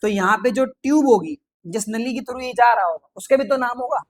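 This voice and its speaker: Teacher, male, playful quiz style, rapid question-and-answer patter for exam prep. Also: very high-pitched. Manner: quizzes by asking questions and answering them himself; playful, chatty, mixes English terms into speech. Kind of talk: exam-prep science lecture.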